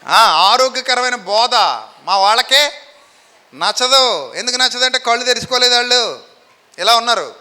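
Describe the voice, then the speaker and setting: A male pastor preaching a sermon, animated and constantly questioning his congregation so they call answers back. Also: very high voice, moderate pace, long pauses, clear, resonant tone. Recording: long hall reverb.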